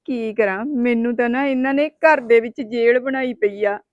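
A woman's voice: a little high, normal speed, a little mellow, no room sound, muffled recording, close to an everyday voice. A woman playing an unhappy young wife with three daughters who pours out her troubles in a plaintive, complaining manner. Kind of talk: web drama acting.

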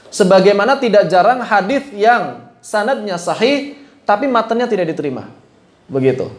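A man teaching a Quran recitation class in a relaxed, conversational way, often putting questions to his students. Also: high-pitched, echoey room. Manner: asks the class questions, mixes casual speech with chanted Arabic. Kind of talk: informal religious lesson.

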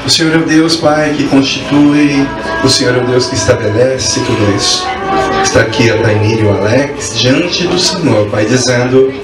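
In a large, partly open wedding tent, a man officiates and delivers a wedding sermon into a handheld mic, his mid-range voice at normal speed building up emphatically with rising intensity. A far-off camera captured it, so the sound is echoey and distant, with music behind.

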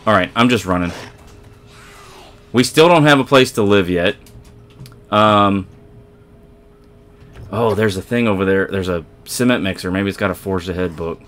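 A man's voice: deep voice, normal speed, pauses often, fairly bright tone. A man hosting a let's play, chatting casually to viewers as he plays, rambling and correcting himself as he goes. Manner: rambling, self-correcting, talks to viewers while playing. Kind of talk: casual gameplay commentary.

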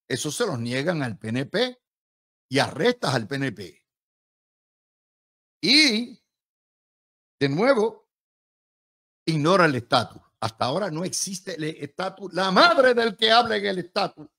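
A man's voice: on the high side, vocal fry, sharp tone. A man with a Puerto Rican accent giving emphatic, combative and sarcastic political commentary as an analyst.

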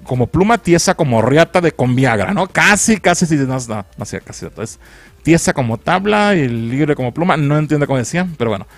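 A man's voice: on the high side, lively intonation, brisk, no echo. A man with a Mexican accent giving a crude, mocking, slang-filled comedic film recap. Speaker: film critic.

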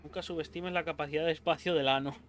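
A man commenting on a horror game, joking, swearing often and shouting when scared. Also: a little high, fairly even intonation, fast talker. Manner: swears a lot, jokey, yells when scared. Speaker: gaming youtuber. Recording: game music behind the voice.

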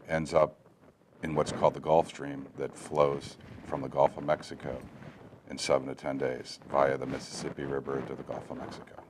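A man in his forties explaining things as an expert guest in an earnest, deliberate way. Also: a bass voice, a little hiss or hum. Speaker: guest expert on water testing. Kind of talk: explanatory interview talk. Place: indoor studio set lined with bookshelves. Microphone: lapel mic.

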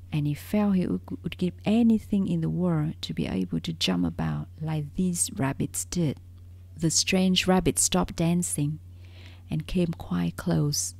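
A woman reads a soothing bedtime story in a soft, half-whispered voice, slow and unhurried. Her low-pitched narration still rises and falls with lively expression. The sound is dry and close. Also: creaky, dry recording.

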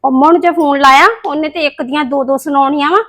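A woman's voice: high voice, fairly even intonation, fast, fairly bright tone. A woman playing a practical daughter explaining events to her worried mother in a family drama. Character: young woman reasoning calmly with her mother.

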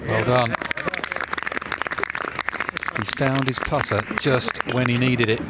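A male golf commentator with a medium-pitched voice follows live play. His delivery is conversational and clipped, as if talking to a booth colleague, with loud outdoor ambience behind him. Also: slow. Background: steady outdoor course noise.

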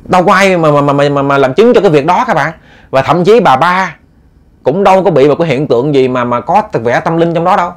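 A man with a Southern Vietnamese accent tells a ghost story in a relaxed, conversational way. He speaks straight to his listeners and acts out the lines he quotes. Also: a little high, fairly quick. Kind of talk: casual storytelling.

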